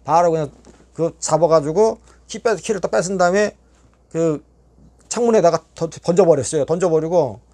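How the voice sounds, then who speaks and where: A middle-aged man telling a story casually, animated and swearing as he acts out the dialogue. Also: on the high side, moderate pace. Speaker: YouTube storyteller.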